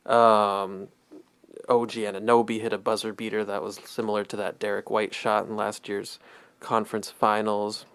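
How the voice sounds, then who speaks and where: A man's voice: fairly low pitch, level tone, moderate pace, fairly bright tone, smooth, no room sound. A man co-hosting a sports podcast, chatting casually, rambling and chuckling at his own stat jokes. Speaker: podcast co-host.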